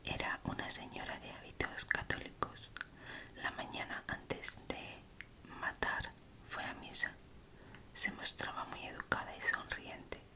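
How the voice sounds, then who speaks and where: Whispering Spanish woman reading true crime ASMR. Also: unhurried. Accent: Spanish, from Spain. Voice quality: breathy, unvoiced whisper. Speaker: ASMR host reading aloud.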